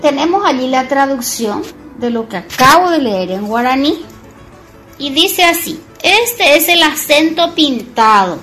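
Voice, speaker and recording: A woman teacher explaining marks, talking slowly and repeating words to make a point. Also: high-pitched, a bit bright. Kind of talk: bilingual Guarani and Spanish grammar lesson.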